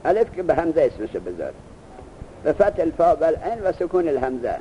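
A male teacher giving a classroom lesson, asking students quick questions and then reciting the answers himself. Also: fairly high pitch, big pitch swings, mellow, highs cut off, slight background noise.

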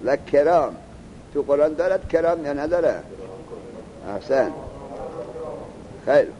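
A man teaching a grammar lesson, explaining slowly and questioning his students. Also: on the high side, animated, mellow, dull audio, slight background noise. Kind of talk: classroom lesson on Arabic morphology.

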